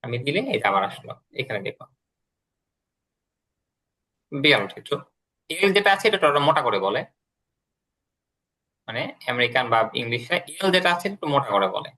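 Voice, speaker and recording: A man's voice: medium pitch, big pitch swings, a little fast, pushed and bright. A man teaching English vocabulary and pronunciation in an online class, explaining step by step and repeating his pointing phrases.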